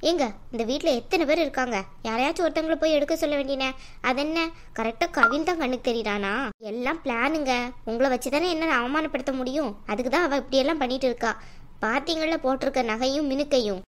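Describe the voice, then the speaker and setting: A woman voicing a quarrelsome young wife in a cartoon family drama, with a high, argumentative manner. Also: fast, natural voice. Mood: indignant. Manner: high, argumentative, sharp-tongued. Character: quarrelsome young wife Anu, sharp-tongued.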